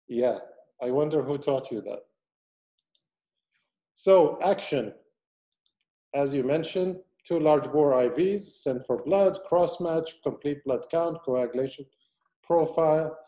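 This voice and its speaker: A man delivers an online medical lecture as a surgeon, working methodically through each point. His voice is mellow and warm, at an ordinary pitch, and he stops now and then to take questions from his audience.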